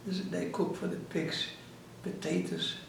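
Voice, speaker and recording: A man's voice: high voice, level tone, measured pace, creaky, a little hiss or hum. A man in his eighties from Ukraine, with a Ukrainian accent, telling his life story in an interview in broken English and acting out the dialogue. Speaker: interviewee, Holocaust survivor. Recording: echoey room, voice from far off.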